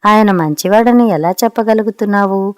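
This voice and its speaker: A woman's voice: medium pitch, normal speed, close to an everyday voice. A woman voicing an irritable, proud middle-aged husband who needles his wife in a storybook reading. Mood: sarcastic. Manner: sharp and needling.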